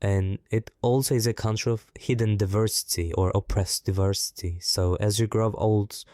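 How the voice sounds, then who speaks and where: A man, his voice disguised to sound deep, speaking thoughtfully and in a measured way in an interview. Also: steady tone, dark tone, no echo, studio quality. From Turkey. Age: 20s. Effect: voice disguised, altered deeper. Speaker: interview guest. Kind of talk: reflective personal interview.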